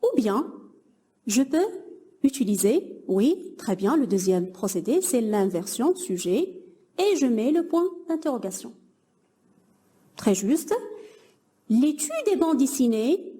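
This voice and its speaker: A woman's voice: on the high side, very animated, takes it slowly, long pauses, dark tone. A young woman teaching a grammar lesson to middle-school pupils, patiently explaining and praising imagined answers.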